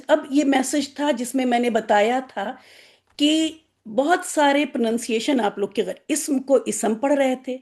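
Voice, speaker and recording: A woman's voice: high voice, darkish tone. A woman teaching an online Arabic grammar class to women students, explaining patiently and giving firm reminders.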